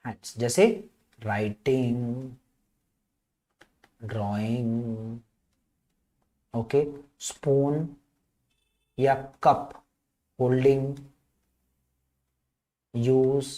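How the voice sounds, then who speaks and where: A man with an Indian English accent giving a revision lecture, drilling points with repeated questions and clearing his throat often. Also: mid-range voice, fairly even intonation, extremely slow, long pauses, dark tone. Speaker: medical lecturer.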